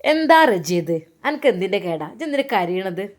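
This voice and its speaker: A woman voicing a kind older village mother with a Malappuram Malayalam accent, soothing and gently scolding a younger woman. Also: medium pitch, very animated, a little fast, close to an everyday voice. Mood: consoling.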